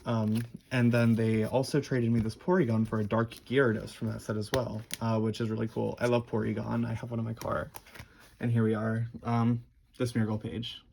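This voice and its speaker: A young man with a lisp and a husky, creaky voice, rambling and halting through a casual, sweary show-and-tell. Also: medium pitch, little pitch movement, darkish tone, slight background noise. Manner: rambling, halting, enthusiastic wording. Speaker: card collector presenting a collection.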